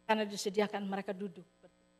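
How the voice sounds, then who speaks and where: A woman preacher telling a story in a sermon, animated, acting out the characters' voices. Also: mid-range voice, rapid-fire. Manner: animated, acts out characters' voices, addresses listeners as "saudara". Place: church hall. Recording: long hall reverb.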